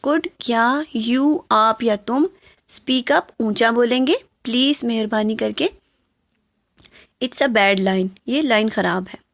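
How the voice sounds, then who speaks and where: A woman whose first language is Urdu, teaching English phone phrases and explaining each word, reading the English lines slowly. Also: on the high side, dry recording. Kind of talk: spoken language lesson.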